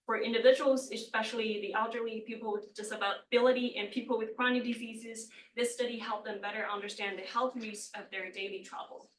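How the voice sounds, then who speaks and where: A young adult woman speaks as a doctoral candidate at her thesis defense. Her voice is bright and clear-edged, with a hesitant, hedging delivery that trips on words. She sounds away from the microphone in an echoey room. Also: medium pitch. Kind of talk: academic presentation. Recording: echoey room, far from the mic.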